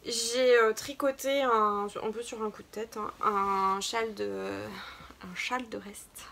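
A woman chatting casually as a podcast co-host, her speech full of little pauses and restarts. There's a gravelly fry in her voice at middle pitch. She talks about her craft in an easygoing, searching way. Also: fairly even intonation, a bit bright. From France. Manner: hesitant, many fillers and restarts. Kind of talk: casual chat about knitting.

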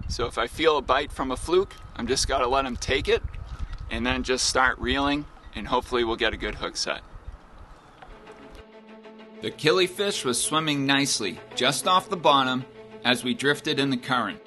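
A man's voice: mid-range voice, moderate pace, pauses often, pushed and bright. A man in his thirties presenting an outdoor fishing how-to as a guide. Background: background music.

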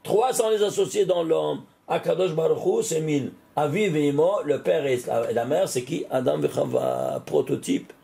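Gravelly high-pitched man teaching. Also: moderate pace, few pauses. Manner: asks questions and answers them himself, animated rise and fall. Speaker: rabbi teaching a Torah class. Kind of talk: recorded Torah lesson.

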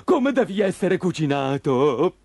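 A man voicing a greedy, monstrous green fisherman in a children's story, gleeful and loud with hearty laughs. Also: on the high side, big pitch swings, measured pace, vocal fry, no echo, pitched above the performer's own voice, full character voice. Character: ugly green gluttonous fisherman, sea-monster-like.

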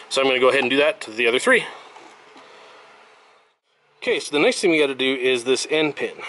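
A man talks through his bench work in an easy, unhurried workshop tutorial, his voice sitting at an ordinary middle pitch. He explains each step plainly while he works. A faint hum of workshop noise sits behind him. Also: fairly bright tone. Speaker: violin maker.

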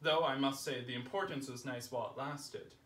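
Bright-voiced and fairly quick, a young man at medium pitch reads his humorous first-person essay aloud at a literary salon in a living room, with a small audience seated indoors. A distant camera mic captures the reading, leaving a roomy echo and faint background noise.

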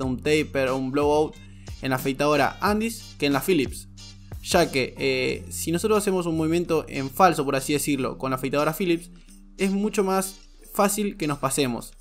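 A man, a barber giving a frank, explanatory voice-over tutorial. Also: a little high. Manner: frank, explanatory, repeats "muy pero muy". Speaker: barber reviewing shavers.

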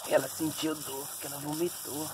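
Soft-spoken man soothing his dog. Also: on the high side, flat delivery, moderate pace, noisy background. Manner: soothing baby talk to the dog, often dropping to a whisper. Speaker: dog owner filming a birth. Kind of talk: casual vlog narration.

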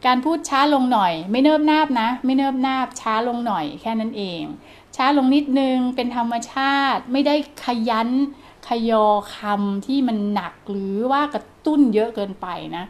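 A woman's voice: on the high side, moderate pace. A woman who coaches child development, talking to parents in a chatty, conversational way full of small fillers and tag words. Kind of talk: casual explanatory talk to parents.

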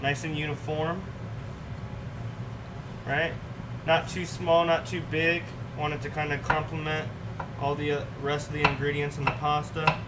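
With a slightly high, flat voice, a young cooking show host speaks at a measured pace and pauses often while prepping food on a home livestream. He chats casually with viewers in chat, and the distant mic leaves clear room noise in the recording.

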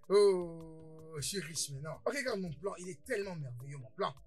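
An actor dubbing a boastful, excitable older brother in a French-dubbed film, who stammers and repeats words. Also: male voice, a little high, a little slow, soft background music. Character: boastful excitable older brother, newly rich, quick-tempered. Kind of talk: French dub of a Nigerian film.

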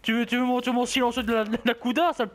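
A man's voice: very high voice, flat delivery, very fast. A man raging at a video game, exasperated and swearing heavily as he comments on his play. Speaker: gamer commenting on gameplay.

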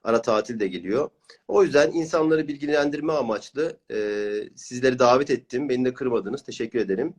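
A reading coach and host interviews clients and explains his course, encouraging and praising them. He speaks briskly in a husky, medium-pitched voice.

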